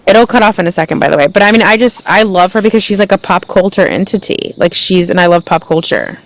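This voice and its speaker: A woman's voice: mid-range voice, fast talker, no echo, low-quality recording. A woman hosting a casual chat, laid-back and slangy. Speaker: host.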